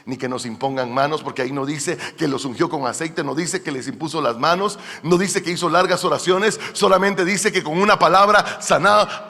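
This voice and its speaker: Man, pastor, fervent sermon, high voice, soft asides and loud calls, church, long reverb. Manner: fervent preaching, addresses listeners as "hermano".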